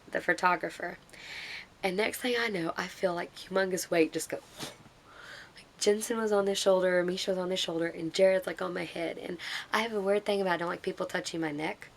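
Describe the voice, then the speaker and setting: A woman vlogger telling an excited, rambling story in a casual way. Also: on the low side, a little fast, creaky, a little hiss or hum.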